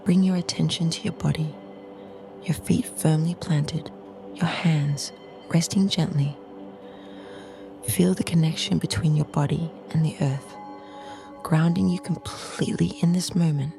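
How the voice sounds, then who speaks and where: A woman leads a calm grounding meditation as a guide, speaking slowly and soothingly in short, measured phrases with a soft, breathy, half-whispered voice. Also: low-pitched, over music.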